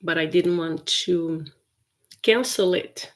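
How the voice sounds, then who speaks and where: With a lowish voice and an unhurried pace, this Brazilian woman, whose first language is Portuguese, runs an easygoing livestream teaching English, chatty and full of restarts and fillers.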